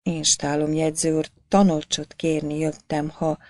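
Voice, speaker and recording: A woman voicing a humble, shamed poor peasant man who speaks softly and stammers. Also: low-pitched, monotone, no echo, clean studio sound, close to an everyday voice. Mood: timid. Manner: timid, stammering, soft-spoken.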